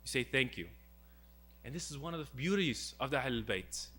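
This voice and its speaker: A man's voice: medium pitch, expressive, fast talker, a bit bright, breathy edge. A young man giving a religious talk, earnest and full of rhetorical questions as he retells a story. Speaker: speaker.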